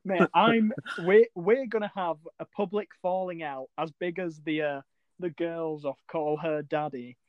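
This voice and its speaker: A man's voice: fairly high pitch, steady tone, measured pace, no room sound, muffled recording. A man in his twenties with a Yorkshire accent, co-hosting a podcast in casual, joking chat, often laughing and teasing. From England. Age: 20s. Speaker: podcast co-host.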